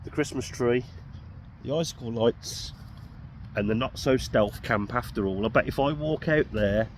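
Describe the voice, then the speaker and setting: Croaky-voiced man rambling at camp. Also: mid-range voice, moderate pace, a little hiss or hum. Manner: rambling, self-mocking asides. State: croaky throat. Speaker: camping vlogger. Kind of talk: casual chat to camera. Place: outdoors at an urban roundabout camp at night.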